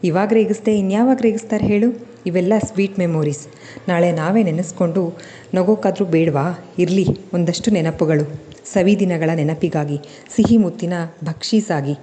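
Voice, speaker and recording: A woman's voice: on the low side, moderate pace, dark tone, slight background noise, natural voice. A woman voicing a teasing young groom.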